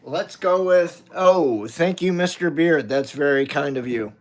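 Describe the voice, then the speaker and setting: A middle-aged American streamer with a fairly high voice talks at a measured pace while reading viewer comments. He's casual, blunt and informal, with loud guitar playing behind him.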